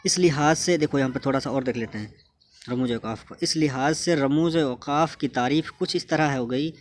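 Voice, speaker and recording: A man's voice: mid-range voice, normal speed, a little hiss or hum. Patient man teaching a grammar lesson. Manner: patient, asks and answers his own questions.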